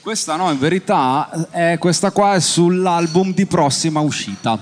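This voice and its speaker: A man's voice: a little high, normal speed, faint music behind. A man, a guest musician, answering modestly and briefly in a casual chat. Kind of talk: casual live chat in a bar.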